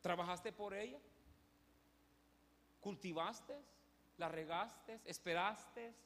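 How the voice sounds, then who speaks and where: A man's voice: high-pitched, slow pace, heavily acted. A man preaching in a church, speaking as God, who patiently questions and reasons with a sulking prophet. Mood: questioning. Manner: calm, probing questions, reasoning. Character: patient questioning God, calm fatherly male. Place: church hall. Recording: echoey church hall.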